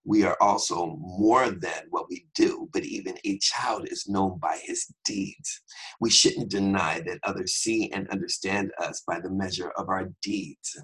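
A man giving a fast, conversational Bible teaching on a podcast, with joking asides. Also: sits low, fairly bright tone, breathy edge, poor audio.

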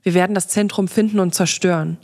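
A woman's voice: lowish voice, fairly even intonation, fast talker, a little mellow. A woman reading the lines of a defiant, fanatical female witch leader in an audio story. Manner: bitter and defiant.

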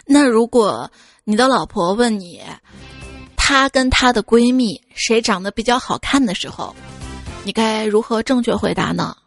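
A woman host reading listener jokes aloud, laughing at her own lines and jumping her voice up to act out the people in each joke. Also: unhurried. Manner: lively, acts out quoted speakers with jumps in pitch. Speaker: radio-style joke show host. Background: faint background music.

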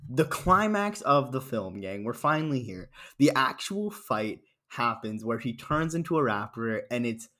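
A man in casual chat with a friend, tearing into a bad film. He talks in a loose, mocking way with lots of fillers and suddenly acts out scenes with loud screams. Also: medium pitch, big pitch swings, a little slow, few pauses. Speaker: podcast co-host reviewing a movie.

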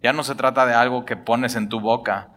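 A man preaching, his voice bright and forceful. He talks animatedly and colloquially, acting out the dialogue as he explains scripture. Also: mid-range voice, normal speed. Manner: animated, acts out dialogue, colloquial Mexican slang. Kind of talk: lively sermon on scripture.

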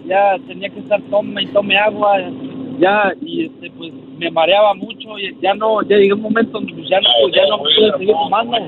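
A man's voice: high voice, steady tone, moderate pace, phone-quality sound, background noise. A man calling into a radio show, talking hesitantly with many fillers. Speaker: caller. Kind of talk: casual phone call.

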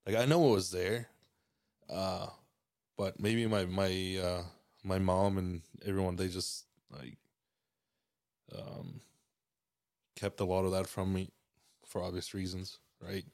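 Low-voiced man from Mexico, rambling. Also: slow, gravelly, pauses often, no echo, studio quality. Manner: relaxed, rambling, many fillers and restarts. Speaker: guest. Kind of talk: casual podcast chat.

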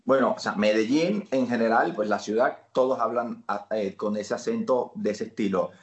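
A man's voice: fairly low pitch, normal speed, reverberant. A man from Barranquilla with a Colombian Caribbean accent, an actor guest telling stories in casual interview chat. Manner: animated storyteller, laughs while acting out lines.

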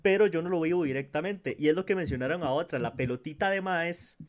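High-voiced Costa Rican man, animated. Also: brisk. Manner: animated, imitates grunts and shouts. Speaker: podcast host. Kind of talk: casual chat.

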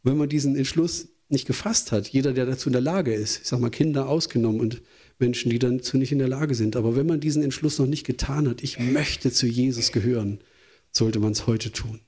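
A man's voice: mid-range voice, brisk, darkish tone, slightly rough. A man from Germany, a pastor, giving an earnest sermon with rhetorical questions.

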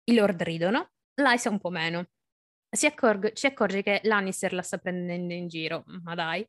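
A woman's voice: fairly low pitch, moderate pace, no room sound, clean studio sound. A woman hosting a podcast, chatting about a novel and reading passages aloud, laughing often. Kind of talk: casual book-club chat with read-aloud passages.

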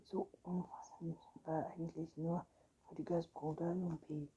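A woman reading a children's storybook aloud with calm, measured narration. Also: deep voice, dull audio, a little hiss or hum. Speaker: reader.

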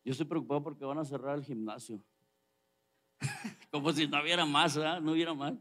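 A man's voice: on the high side, fairly even intonation, fairly quick, bright, forceful tone. A middle-aged man preaching a sermon as pastor, conversational and joking with the congregation.

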